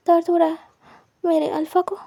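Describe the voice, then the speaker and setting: Woman doing a teasing tormentor, quiet, slow, mocking. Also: very high voice, little pitch movement, creaky. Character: cruel teasing young man, smug tormentor.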